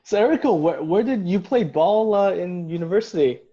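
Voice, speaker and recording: A man hosting an interview, asking questions in a relaxed, casual way. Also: sits high, a little fast. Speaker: interview host. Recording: dull lo-fi audio.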